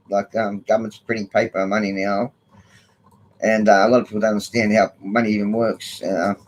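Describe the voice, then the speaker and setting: Older Australian man, missing front teeth, noisy recording. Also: mid-range voice. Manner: blunt, sweary, matey. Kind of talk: casual rambling opinion vlog. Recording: noticeable background noise.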